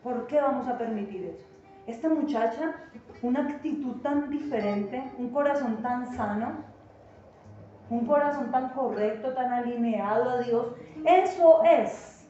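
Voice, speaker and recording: A woman's voice: fairly high pitch, unhurried, warm tone, slight background noise. Distant woman pastor preaching in an echoey hall. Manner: earnest, emphatic preaching with acted quotes. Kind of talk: sermon. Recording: distant, echoey, dull church sound with guitar.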